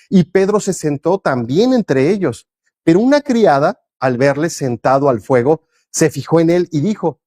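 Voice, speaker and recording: Un hombre que predica un sermón, lee pasajes bíblicos en voz alta y los explica con preguntas a la congregación. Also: male voice, fairly high pitch, dark tone. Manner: reads scripture aloud and explains it, asking the congregation questions. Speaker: preacher. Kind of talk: sermon.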